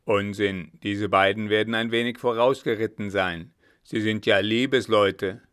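A scornful captain in a German storybook reading barks his plans with gruff, mocking weight, as a man puts him on. The voice sits slightly low and pushes loud, and the delivery is slow and deliberate. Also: fairly even intonation. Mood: scheming. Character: scheming male captain, scornful and commanding.

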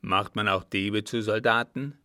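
A man voicing a furious old captain who barks and growls loud, angry questions in an audiobook reading. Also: fairly low pitch, steady tone, a little slow, no room sound, studio quality. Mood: growling angry. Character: old furious male captain, a snarling bully.

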